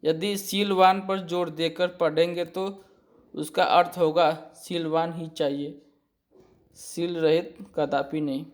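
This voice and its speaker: A man teaching an exam-prep lesson. He reads out each point and then explains it again more simply, often pausing to check with his students. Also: on the high side, fairly even intonation. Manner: slow and deliberate, often checking with "ठीक है".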